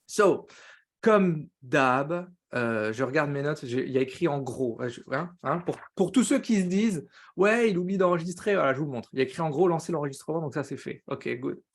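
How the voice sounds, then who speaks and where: An energetic man runs a live coaching stream in a fast, upbeat patter. His voice sits a bit high for a man, and he peppers his talk with quick English words. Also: slightly rough. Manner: says he talks very fast; upbeat, greets viewers by name, drops English words.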